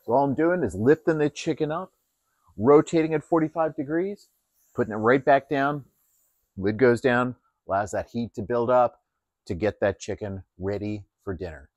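A man calmly explaining how he marinates and grills chicken, step by step with plenty of fillers. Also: mid-range voice, normal speed, no echo. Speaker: home cook. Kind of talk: casual cooking demonstration. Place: outdoors at a grill.

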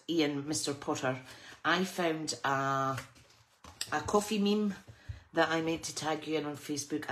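Low-voiced woman with whistling s. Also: fairly bright tone. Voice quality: whistling sibilant s sounds when speaking. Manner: informal, rambling, self-interrupting with small asides and sing-song filler. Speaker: host of a live papercraft class. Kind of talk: chatty live craft tutorial. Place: at a craft table indoors. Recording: clearly noisy with clicks.

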